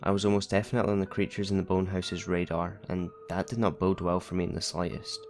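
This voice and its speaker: Low-voiced male narrator for a first-person horror story, steady and measured, with soft music underneath.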